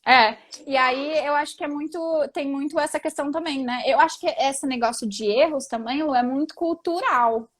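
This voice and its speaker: A woman's voice: sits high, normal speed, hardly any pauses, a bit bright. A woman in her thirties, co-hosting a live stream in casual chat, talking in a chatty, emphatic way. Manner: chatty, emphatic, says "tipo" and "entendeu" a lot.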